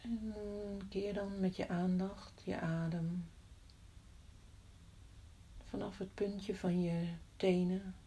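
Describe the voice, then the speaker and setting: A woman guiding a body-scan meditation in a soft, often whispered voice, slow and calm with long pauses. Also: medium pitch, a little hiss or hum. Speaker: meditation guide.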